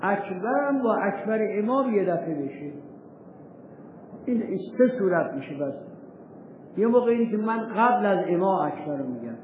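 Male law teacher, high voice, rhetorical questions, tinny phone-like echoey hall recording. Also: a little hiss or hum. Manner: reads old texts slowly and deliberately. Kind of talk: seminary lecture.

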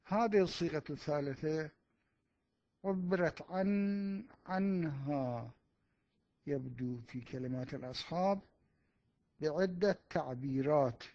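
A man teaching a seminary lesson on religious law, talking deliberately, pausing and correcting himself as he explains. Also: a little high, a little mellow, dry recording. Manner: deliberate, with pauses and self-corrections. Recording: muffled dry recording.

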